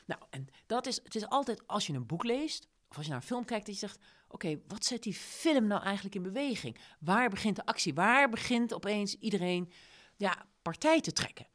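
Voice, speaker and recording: A woman leading a casual discussion of a story, retelling scenes with lively quoted lines. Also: medium pitch, brisk. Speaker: discussion leader.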